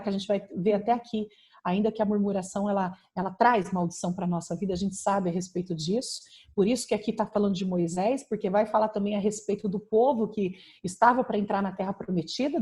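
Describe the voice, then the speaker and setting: A woman's voice: medium pitch, dark tone. A woman pastor with a Brazilian Portuguese accent, preaching and giving a personal testimony over a video call, emphatic, with frequent tag questions.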